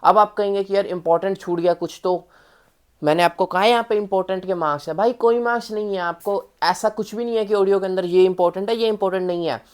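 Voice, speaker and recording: A woman's voice: medium pitch, fast, a little mellow. A woman giving a casual exam-prep lesson, mixing in English phrases, talking to viewers in a familiar way and repeating key points. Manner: mixes Hindi with English phrases. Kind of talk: casual spoken lesson to students.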